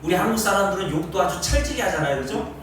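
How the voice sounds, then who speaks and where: A man preaching a sermon as pastor, lively and teasing his congregation with questions. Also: high-pitched, fast talker, a little hiss or hum. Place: large church hall. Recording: very echoey hall, mic far off.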